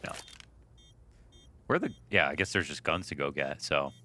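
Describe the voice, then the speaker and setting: A man's voice: very deep voice, expressive, normal speed, pushed and bright. A man giving color commentary on a competitive game match, reacting to plays and laughing with his partner. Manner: laughs often, reacts with disbelief.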